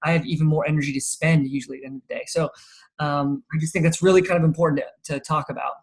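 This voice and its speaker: Rapid-fire and husky, the fairly high, steady voice belongs to a man in his thirties being interviewed casually as a guest. A physical therapist and entrepreneur from Charleston, South Carolina, he speaks with an American accent, Swiss German being his first language.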